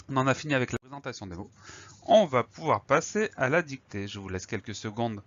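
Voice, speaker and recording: A male teacher giving a spelling lesson, calmly explaining each word and spelling it out letter by letter. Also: medium pitch, no echo. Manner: patient, spells words letter by letter. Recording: slightly dull lo-fi recording.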